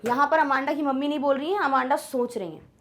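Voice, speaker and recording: A young woman teacher explaining an English poem in a chatty way, often checking whether students follow and reading the English lines slowly. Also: sits high. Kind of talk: online lesson explaining an English poem in Hindi.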